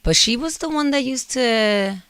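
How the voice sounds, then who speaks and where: A woman's voice: a little high, lively intonation, measured pace, a bit bright, smooth, no echo. A Dominican-born woman who grew up in Brooklyn, chatting casually as an interview guest and switching between English and Spanish. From Dominican Republic. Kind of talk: casual bilingual interview chat.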